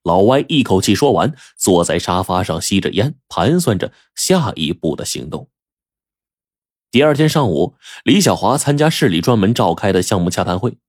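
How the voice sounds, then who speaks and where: A man narrating a crime story in a lively, dramatic storytelling manner. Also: low voice, moderate pace, dry recording, clean studio sound.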